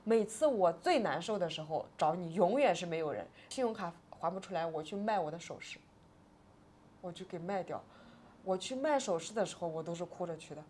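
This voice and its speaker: A woman's voice: lowish voice, lively intonation, a little fast, darkish tone. Interview guest, woman in her 40s, emotional first-person retelling, agitated swings, faint noise floor.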